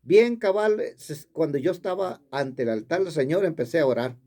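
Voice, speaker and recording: A man's voice: fairly high pitch, animated, moderate pace, dark tone. A man preaching a sermon, telling a personal story in an earnest way and repeating his phrases. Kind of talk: sermon testimony.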